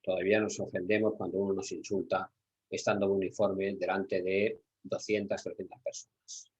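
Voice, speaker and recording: A man's voice: deep voice, level tone, normal speed, slightly rough, low-quality recording. A middle-aged man from Spain with a Spanish accent, lecturing at a workshop for security staff, repeating key words and asking rhetorical questions. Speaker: security trainer.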